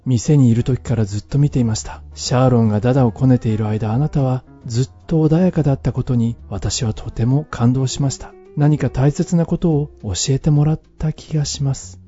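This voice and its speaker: A man's voice: medium pitch, brisk, few pauses, warm tone, natural voice. A man voicing an earnest young store clerk. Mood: sincere. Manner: sincere, admiring. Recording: dull lo-fi audio, faint music.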